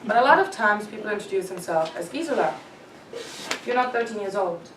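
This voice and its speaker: Animated woman coaching, distant roomy mic. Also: medium pitch, fairly quick. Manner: emphatic, animated, laughs often. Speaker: etiquette and presence coach. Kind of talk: workshop talk to a small group. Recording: roomy and distant with background noise.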